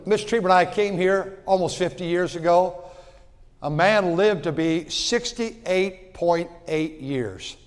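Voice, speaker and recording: A pastor in his sixties preaches a sermon in a folksy style, with a voice on the high side. He repeats words and swings between loud and quiet. The sermon is delivered in a large hall.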